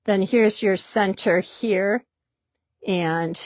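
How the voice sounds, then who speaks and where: A woman's voice: mid-range voice, drawn-out words, dry recording, clean studio sound. A woman hosting a casual product demonstration in a fabric shop, chatty and upbeat, often repeating herself.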